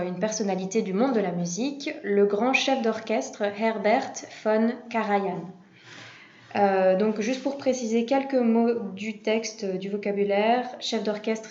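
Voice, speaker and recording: A woman giving a prepared practice speech to interpreters, relaxed and conversational, with frequent hesitations. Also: mid-range voice, roomy sound, highs cut off.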